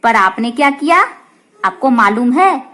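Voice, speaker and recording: A woman's voice: on the high side, lively intonation, unhurried, fairly bright tone. A woman voicing a grown man who patiently explains to another man why trees matter. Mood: earnest. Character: calm grown male villager who lectures kindly.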